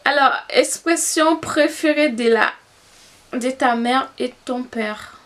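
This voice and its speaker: A young adult Haitian YouTuber, whose accent comes from Haitian Creole, chats to her camera in a relaxed vlog where she answers tag questions. Her voice is fairly high and a bit bright, and she takes her time. She thinks out loud while answering and laughs easily.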